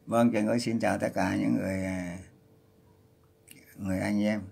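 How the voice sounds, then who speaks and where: A man's voice: lowish voice, flat delivery, normal speed, vocal fry, darkish tone. A man ranting on a livestream, scolding and cursing in a heated voice. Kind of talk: angry livestream rant.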